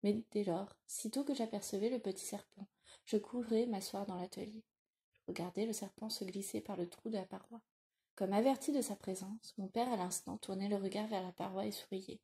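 Warm-toned woman narrating a novel. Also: medium pitch, fairly even intonation. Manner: measured, reflective. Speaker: audiobook narrator. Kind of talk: literary audiobook narration.

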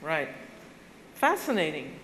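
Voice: medium pitch, huge pitch swings, slow, fairly bright tone, a little hiss or hum. A moderator keeps the panel moving with engaged, prompting questions in a middle register. The voice carries long hall reverb and faint ambience.

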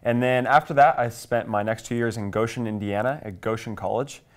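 A Kansas man in his twenties with an American accent talks conversationally as an interview guest, his medium-pitched voice moving a little fast. He's in a small indoor TV studio, picked up by a lapel mic.

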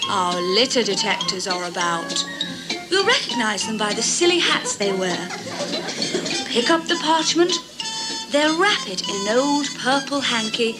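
Stern, swooping spoof-advert announcer. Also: female voice, fairly high pitch. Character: stern mock government information film announcer. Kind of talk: spoof public information announcement.

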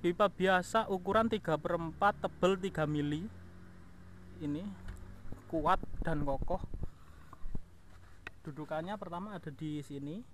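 Out in a house yard, this man addresses his viewers colloquially while showing off his motorbike for his motovlog. He has a high voice, a measured pace and long pauses; the action-cam recording picks up clear background noise.

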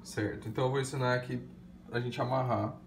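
Um homem que explica com calma um corte de carne e como prepará-lo, numa cozinha de casa. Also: male voice, medium pitch, fast. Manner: explains calmly, checks in with "certo?". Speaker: husband cooking as guest. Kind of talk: casual cooking demonstration. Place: home kitchen. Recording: echoey kitchen with noise.

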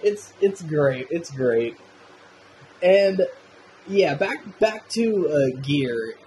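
Animated, enthusiastic film reviewer. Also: male voice, a little high, drawn-out words, slight background noise, rough recording. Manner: enthusiastic, swears casually.

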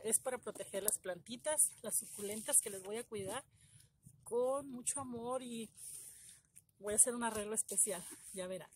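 A middle-aged woman, talking excitedly to viewers in a casual unboxing video, her voice trembling with emotion. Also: mid-range voice, a little hiss or hum. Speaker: gardening vlogger.

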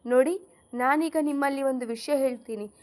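A woman reading an audiobook story, voicing a kind older mother with a high, coaxing motherly manner. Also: moderate pace, darkish tone, lightly acted. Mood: earnest. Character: kind elderly mother arranging marriage, gentle.

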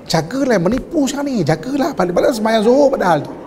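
High-voiced preacher in a hall. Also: male voice, quick pace. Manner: lively, joking, speaks straight to the audience. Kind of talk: storytelling religious talk to a live audience.

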